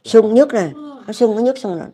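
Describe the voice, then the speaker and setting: An older woman speaks quickly in a rambling, pleading way. She repeats herself often. She is a mother-in-law being interviewed at home. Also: fairly high pitch, mellow, slightly rough. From Vietnam.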